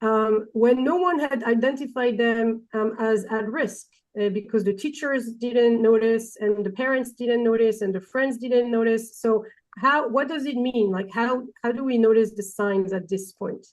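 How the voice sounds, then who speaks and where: A woman with a light, delicate voice hosts an online talk, introducing it hesitantly with many pauses. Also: fairly high pitch, a little mellow, poor audio. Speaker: webinar host.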